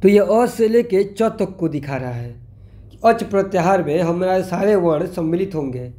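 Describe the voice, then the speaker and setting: A man's voice: high voice, lively intonation, normal speed, warm tone. A male teacher giving a grammar lesson, asking questions and answering them himself while spelling out letters one by one. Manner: explanatory, asks and answers own questions.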